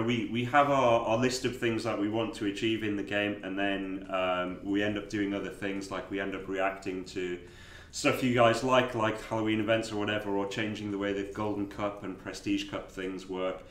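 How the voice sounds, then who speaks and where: A man's voice: fairly low pitch, steady tone, moderate pace, hardly any pauses. A man co-hosting a game developer live stream, chatting loosely with lots of ums and easy laughter. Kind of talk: casual live-stream chat. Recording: roomy room sound.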